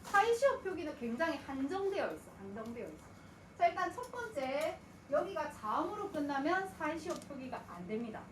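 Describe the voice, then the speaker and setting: A woman lectures on grammar in a high, animated voice, firing questions at her students and then answering them herself. She sounds a little distant from the mic, in an echoey room. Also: fairly quick, slight background noise. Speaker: Korean grammar teacher.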